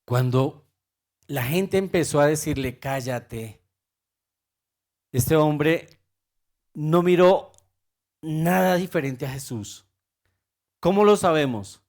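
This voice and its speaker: A man preaching a sermon with passion, swinging between loud urgent calls and quiet low remarks. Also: takes it slowly, pauses often.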